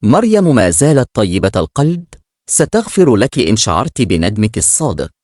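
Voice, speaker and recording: A man's voice: mid-range voice, very animated, fairly quick, darkish tone, no room sound, studio quality, close to an everyday voice. A man reading as a grave, devout man. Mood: consoling. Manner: earnest, consoling.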